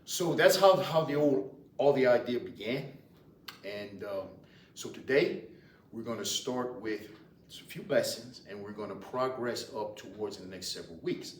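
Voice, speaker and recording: A man with a Louisiana Cajun accent teaching an informal language lesson, deliberate and repetitive, with hesitant pauses. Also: lowish voice, lively intonation. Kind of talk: informal lesson, explaining and repeating words. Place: indoors in a library. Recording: roomy, distant mic, faint noise.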